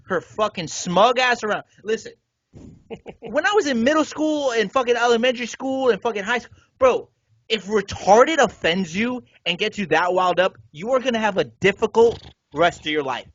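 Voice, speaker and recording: Guy with a high voice venting on a podcast, swearing, kinda muffled sound. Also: lively intonation, moderate pace, fairly bright tone, no room sound. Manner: indignant, profane venting. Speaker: podcast co-host. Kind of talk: casual podcast chat.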